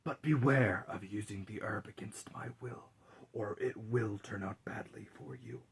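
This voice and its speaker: A hushed, menacing spirit of Death, acted out by a man for a storybook tale. The voice is low and breathy, often sinking to a husky whisper. It speaks slowly and deliberately, stern and ominous as a grim godfather. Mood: solemn, commanding. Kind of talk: dramatic fairy tale reading.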